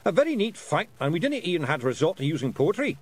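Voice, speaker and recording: A man's voice: on the high side, big pitch swings, quick pace, breathy edge, pitched above the performer's own voice. A man voicing a cocky, blustering little pixie clan leader in a storybook, with a Scottish accent. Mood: cheerful, proud. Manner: loud, boisterous, blustering.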